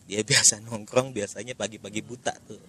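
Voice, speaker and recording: Slangy Jakarta man, lowish voice. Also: fairly even intonation, brisk, fairly bright tone, a little hiss or hum. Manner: Jakarta slang, joking and informal. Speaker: podcast host. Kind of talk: casual podcast chat. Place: coffee shop.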